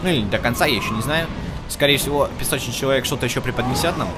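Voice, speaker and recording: A let's-play host talks rapid-fire in a medium-pitched voice, thinking aloud and addressing on-screen characters in casual, chatty commentary. Video game music plays behind him.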